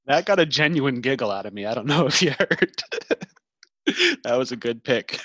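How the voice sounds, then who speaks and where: A man's voice: medium pitch, lively intonation, moderate pace, fairly bright tone, dry recording. A man hosting a podcast in casual, comedic banter with friends. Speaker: podcast host.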